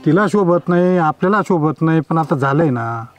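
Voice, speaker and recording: A calm village elder, played by a man, giving advice in a consoling way. His voice sits a little high. Faint music runs underneath. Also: normal speed, close to an everyday voice. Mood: advising. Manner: advising, consoling.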